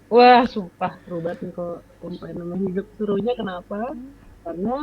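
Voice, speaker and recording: A woman's voice: lowish voice, fairly quick, slight background noise. Chatty young woman venting, lo-fi. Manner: chatty, venting, mixes in English phrases. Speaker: podcast co-host. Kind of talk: casual late-night chat.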